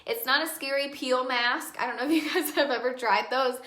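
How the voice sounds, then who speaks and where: A woman's voice: sits high, fairly quick, bright, forceful tone, reverberant. A woman in her twenties chatting casually to viewers on a live skincare demo, upbeat and full of fillers and asides. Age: 20s. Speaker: beauty consultant hosting a live skincare demo. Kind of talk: casual live-stream product talk.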